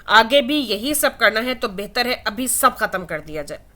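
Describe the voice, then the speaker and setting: A woman's voice: a little high, expressive, sharp tone. A woman voicing Hadid, a stern young male officer who speaks harshly and sarcastically, in a read-aloud novel. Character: stern angry young man, air force officer.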